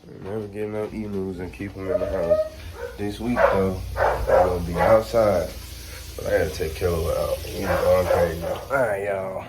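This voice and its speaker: A man's voice: sits low, steady tone, moderate pace. An American man chatting casually and informally to viewers as an animal vlogger, using plenty of slang. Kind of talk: casual vlog chat to viewers. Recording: noisy on-location handheld vlog audio.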